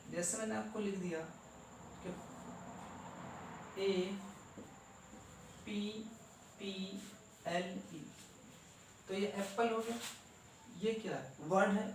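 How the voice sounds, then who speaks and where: A man teaching an English grammar lesson, asking questions and answering them himself and spelling out letters one by one. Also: high-pitched. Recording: echoey room, voice from far off, faint noise.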